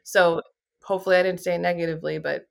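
A woman's voice: on the low side, steady tone, fast talker, creaky. A woman astrologer talking candidly in a casual podcast conversation, rambling with many fillers and restarts. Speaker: astrologer and YouTuber.

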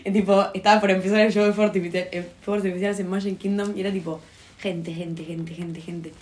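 A young woman from Argentina with a Buenos Aires accent, co-hosting a casual podcast chat and telling slangy, animated anecdotes. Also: mid-range voice, fast talker. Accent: Buenos Aires Rioplatense Spanish. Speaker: podcast co-host.

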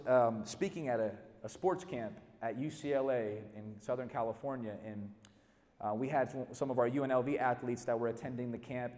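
A middle-aged male pastor preaching a storytelling sermon, dropping quiet and then building to loud emphasis. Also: medium pitch. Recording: reverberant hall.

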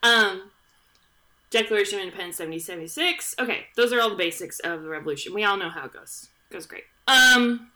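A female podcast host talks fast in a mid-range, animated, sharp-toned voice. Using a studio mic, she walks through history in a loose, humorous way, with many fillers and asides along the way.

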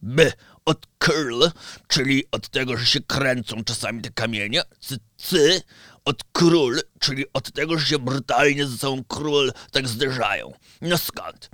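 A man's voice: medium pitch, measured pace, pushed and bright, no echo, clean studio sound. A man voicing a playful uncle who asks quiz questions and cracks corny jokes. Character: joking uncle posing quiz riddles.

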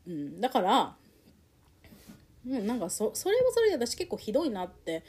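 A woman shares a personal story candidly and reflectively, with many fillers and pauses. Her mellow, soft-edged, slightly rough voice swoops wildly in pitch as she becomes emotional.

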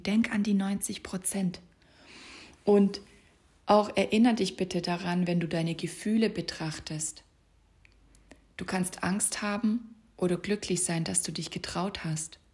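Soft-spoken coaching woman, lowish voice. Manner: soft, often whispered, guiding the listener; speaks straight to the listener with gentle instructions. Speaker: life coach. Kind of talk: motivational coaching talk.

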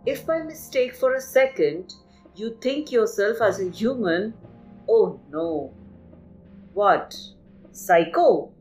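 A woman from Kolkata with an Indian English accent hosts a poetry podcast and recites her poem in an emphatic voice with dramatic pauses. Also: on the high side, expressive, darkish tone, soft background music, rough recording.

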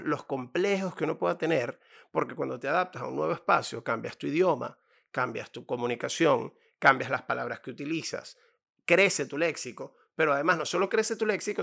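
A Venezuelan man delivering a comedic advice monologue, his voice pitched high with a gravelly rasp underneath. He tells stories with animated flair and tosses in playful asides to the listener.

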